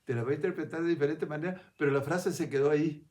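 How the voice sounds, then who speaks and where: A man giving a reflective spiritual talk in a conversational, unhurried way. He keeps checking in with his listener and restarts his phrases as he thinks aloud. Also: a little high, a little mellow. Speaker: spiritual speaker.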